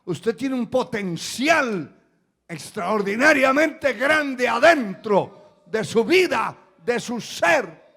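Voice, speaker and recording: A male pastor preaching a sermon, moving from quiet asides to shouted proclamations and acting out the cries of people in the story. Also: very high voice, creaky, breathy edge. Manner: acts out quoted cries of a frightened servant.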